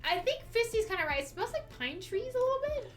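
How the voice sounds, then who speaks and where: A woman's voice: extremely high pitch, big pitch swings, brisk, fairly bright tone. A young woman chatting playfully and asking questions during a beer tasting. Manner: playful, laughs a lot, asks questions. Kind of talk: casual chat.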